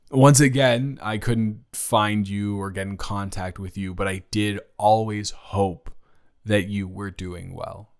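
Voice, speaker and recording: This low-pitched man voices a smitten, nervous college athlete meeting a childhood friend again. He rambles and stammers with earnest feeling in an improvised romantic audio roleplay, and the mood is tender and nostalgic.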